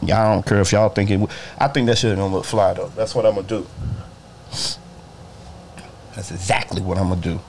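A man's voice: fairly even intonation, brisk, vocal fry, pauses often, a little hiss or hum. A man who cuts hair talks casually and bluntly to viewers on a livestream, cursing freely and greeting them by name. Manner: profane, blunt, talks to viewers directly, swings between loud and low. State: bothered by allergies. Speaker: barber livestreaming to followers.

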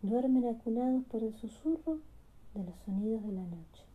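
A woman reading a storybook aloud to her child at bedtime, gentle and expressive. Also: fairly high pitch, moderate pace, rough recording.

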